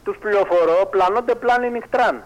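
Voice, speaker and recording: Male radio guest, high voice, heated and emphatic commentary with mocking asides. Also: rough recording. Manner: indignant, emphatic, breaks into mock voices of ads. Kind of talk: radio talk show discussion.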